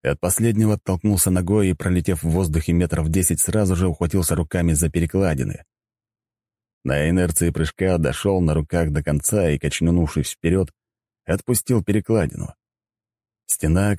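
A man reading a first-person audiobook in a steady storytelling manner. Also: sits low, moderate pace, no room sound. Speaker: audiobook narrator.

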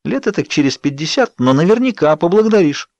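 A man's voice: on the high side, lively intonation, brisk, a little mellow, dry recording, voice pushed up. A man voicing a pleading, bubbly young woman friend in an audiobook, coaxing and wheedling. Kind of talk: audiobook character voice.

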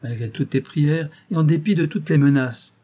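A man's voice: on the high side, normal speed, warm tone, voice pushed up, close to an everyday voice. A man voicing an indignant, firm police detective in an audiobook. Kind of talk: audiobook reading.

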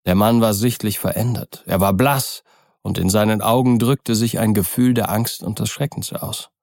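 Male narrator, low voice, even delivery, dry and close. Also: normal speed, vocal fry, no room sound. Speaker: audiobook narrator. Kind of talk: scripted narration.

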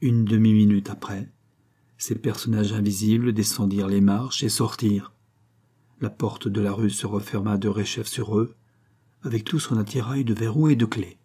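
Guy reading an old tale aloud, measured and dramatic, husky warm voice. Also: fairly low pitch, steady tone. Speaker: narrator. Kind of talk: audiobook reading of a classic tale.

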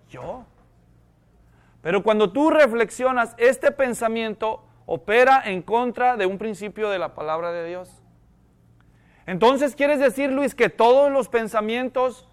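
High-voiced man preaching a sermon. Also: clean tone. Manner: preaching with many rhetorical questions to the congregation. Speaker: pastor.

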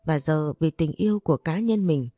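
A woman narrating a romance audiobook in a steady, even storytelling voice. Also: sits low, normal speed, no room sound.

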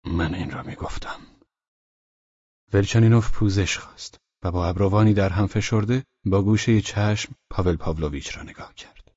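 Low, husky male audiobook narrator. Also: darkish tone, no room sound, highs cut off. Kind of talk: scripted narration of a novel.

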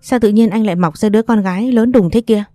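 A woman's voice: on the low side, brisk, dark tone, no echo, studio quality, faint music behind, natural voice. A woman voicing a suspicious, middle-aged younger brother who talks bluntly and accusingly. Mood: indignant.

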